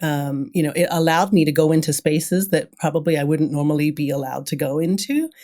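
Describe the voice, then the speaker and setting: A woman who grew up in London and then Brooklyn speaks a little fast in a low-sitting voice. As a podcast guest in a casual interview conversation, she's candid and animated, telling stories, acting out what people said and often chuckling.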